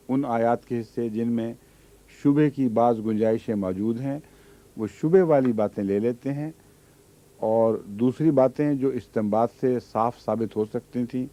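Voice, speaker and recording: A Quran teacher with a mid-range, dark-toned voice gives a commentary lesson, reciting Arabic verses and then patiently explaining them. The recording is a dull, lo-fi archive.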